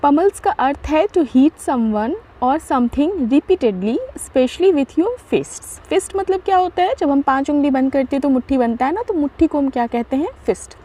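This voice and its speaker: A woman with a high voice teaches vocabulary at an unhurried pace. She explains patiently, spells each word out letter by letter, and asks herself questions before answering them. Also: lively intonation, warm tone. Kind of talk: vocabulary lesson.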